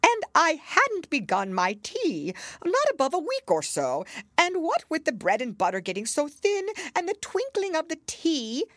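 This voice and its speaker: A woman voicing a nervous male hatter on trial in a storybook reading, speaking in a high, shaky voice. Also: huge pitch swings, unhurried, hardly any pauses, a bit bright, no room sound, clean studio sound, exaggerated voice. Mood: anxious.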